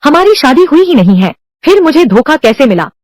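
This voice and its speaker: A woman with a high, bright-pitched voice reads every role of a dubbed drama herself, keeping the same voice for men and women. Her pitch leaps up and down with animated swings. The sound is close and completely dry. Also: brisk, dry recording. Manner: reads all male and female parts in one unchanged voice. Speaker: voice-over dubber. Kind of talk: dubbing every character of a drama alone.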